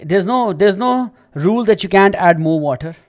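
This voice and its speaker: A man's voice: high voice, animated, normal speed. Chatty man teaching chemistry live. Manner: chatty, repeats himself, checks understanding often. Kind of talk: live online lesson.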